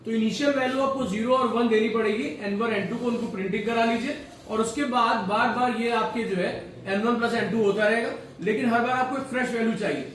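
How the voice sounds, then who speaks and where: Male lecturer, high voice, Hindi-English code-switching, distant mic in a boomy classroom. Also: fairly even intonation, fairly quick, hardly any pauses, fairly bright tone, a little hiss or hum. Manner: mixes Hindi and English, asks students questions. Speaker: teacher. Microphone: far from the mic. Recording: very echoey room, distant mic, faint ambience.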